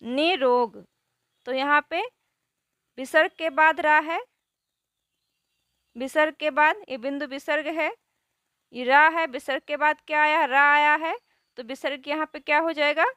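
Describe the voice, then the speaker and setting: A woman teaching a grammar lesson who asks questions and answers them herself, spelling out words slowly. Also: high-pitched, fairly even intonation, sharp tone, no echo, studio quality.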